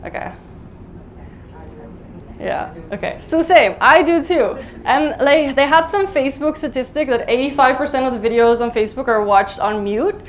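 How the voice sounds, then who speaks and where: A woman giving a live conference talk, speaking fast and chatty with lots of "like" and "um" fillers. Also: high-pitched. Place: conference hall in Mumbai.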